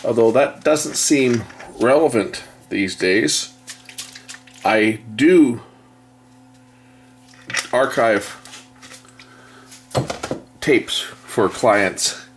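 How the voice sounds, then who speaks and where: He draws out his words and pauses often, at a medium pitch, over a little hiss or hum. The man is an electronics repair technician and video host giving a casual, hands-on repair demonstration with matter-of-fact explanations.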